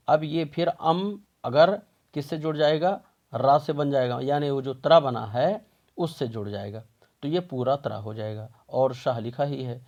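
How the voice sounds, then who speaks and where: A man's voice: mid-range voice, a little mellow. Patient man teaching grammar, dull audio. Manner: patient, repeats questions and answers them himself. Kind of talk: explaining a grammar lesson step by step.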